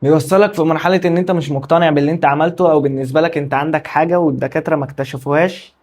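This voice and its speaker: A man's voice: a little high, steady tone, racing, a little mellow. A man with an Egyptian Arabic accent, telling his own story in a casual confessional vlog. He rambles, repeats himself and breaks off mid-word, sounding tired and anxious. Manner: rambling, repetitive, candid, trails off mid-word. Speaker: vlogger.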